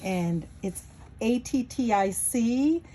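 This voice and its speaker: Speaking slowly and expressively, this vlogger and Etsy seller has a fairly high, dark-toned voice. She's in her sixties, has a New England accent, and talks informally to the camera from a wooden table at home, filling her speech with fillers.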